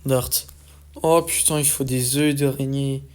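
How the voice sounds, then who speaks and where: A young man giving casual let's-play commentary, excitable and swearing often as he talks to his viewers. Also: mid-range voice, a little slow, clear, resonant tone. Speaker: gaming YouTuber.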